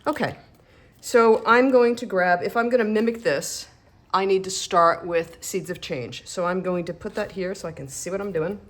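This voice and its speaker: A woman's voice: mid-range voice, normal speed. A woman demonstrating stamping techniques in a casual craft tutorial, chatting and joking about herself as she works. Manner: chatty, self-deprecating, talks while working.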